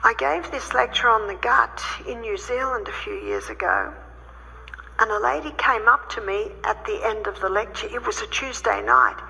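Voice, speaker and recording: A woman health educator telling stories in a lecture, animated and acting out the people she quotes. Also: on the high side, moderate pace, creaky. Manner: animated, acts out quoted speakers. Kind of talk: storytelling lecture. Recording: reverberant hall with faint noise.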